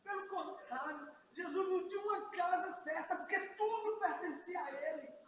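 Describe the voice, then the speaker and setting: A man's voice: very high voice, moderate pace, fairly bright tone. A man with a Brazilian accent preaching a sermon, emphatic and repetitive, calling out to his listeners in a large church hall. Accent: Brazilian Portuguese. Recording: echoey church hall, far mic, faint noise.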